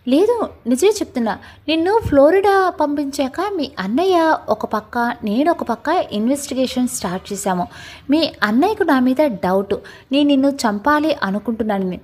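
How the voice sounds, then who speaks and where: A woman's voice: sits high, expressive, moderate pace, darkish tone. A woman voicing a bossy protective young man. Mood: insistent. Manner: scolding, insistent.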